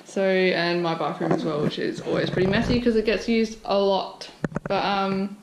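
A young woman rambles casually through her untidy house, full of ums and likes, filmed on a handheld action camera. Her voice sits mid-range for a woman, with clear background noise running under the recording. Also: medium pitch, steady tone, normal speed. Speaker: vlogger. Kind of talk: casual house-tour chat. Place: messy family house, indoors. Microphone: wide-angle action camera carried by hand.

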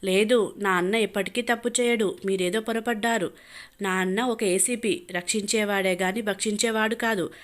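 A woman voicing a desperate young bride who pleads loudly and tearfully. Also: mid-range voice, steady tone, moderate pace, lightly acted. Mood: pleading.

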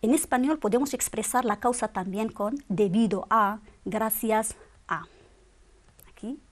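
A woman's voice: fairly high pitch, a little slow. A woman teaching a grammar lesson, drilling verb forms one by one with patient quiz questions. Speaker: Spanish teacher.

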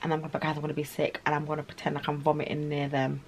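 Playful young woman with a gravelly voice. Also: deep voice, monotone, very fast, darkish tone, slight background noise. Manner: playful, chatty, laughs often. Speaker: vlogger. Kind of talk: casual chat.

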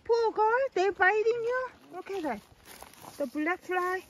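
A middle-aged woman with a high voice talks slowly and warmly on a forest trail. She exclaims at the views, laughs often and uses simple phrasing. The sound is an outdoor phone recording. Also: lively intonation, a little hiss or hum. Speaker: vlog host. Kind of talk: casual hiking chat.

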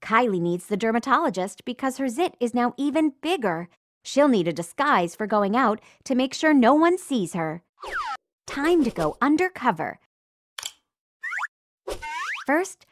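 Super animated girly makeover game narrator, high voice, slow and encouraging, music behind. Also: slight background noise. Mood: perky, encouraging. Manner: exclamatory, encouraging, sing-song. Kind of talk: scripted children's game narration.

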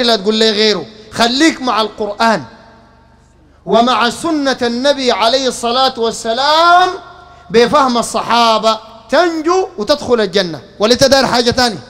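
A man's voice: sits high, a bit bright. A man with a Sudanese Arabic accent giving a public religious lecture. He talks rhetorically, fires questions at the crowd and keeps calling for their attention.

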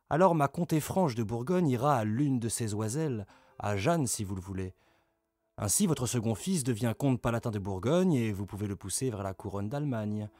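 A man voicing a scheming noblewoman in a slow, wheedling mock-sweet tone. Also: a little high, darkish tone, dry recording, lightly acted. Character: scheming noblewoman, sugary and sly, mocked.

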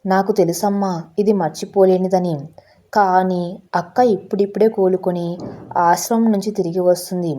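A consoling young son, read by a woman storyteller, short-tempered at first yet gentle with his mother. The voice is very dark and mellow. He speaks plainly and reassuringly. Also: lowish voice, steady tone, normal speed, close to an everyday voice. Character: young adult son, impatient but consoling.

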